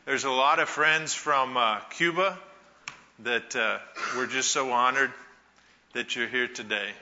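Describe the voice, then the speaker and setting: A man giving a Mother's Day talk to a church congregation, telling folksy stories with pauses. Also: medium pitch, pushed and bright, dull audio. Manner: slow, folksy storytelling with pauses. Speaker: church speaker.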